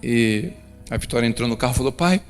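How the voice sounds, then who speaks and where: A man's voice: mid-range voice, fast. A male pastor preaching a story-filled sermon, rising to emphatic peaks. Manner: animated, rises to emphatic peaks. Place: church. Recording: echoey church hall, soft music.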